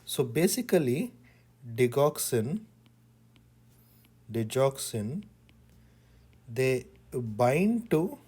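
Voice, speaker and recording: A man teaching pharmacology in a slow lecture, repeating key words in short, deliberate phrases. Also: mid-range voice, very animated, darkish tone, husky.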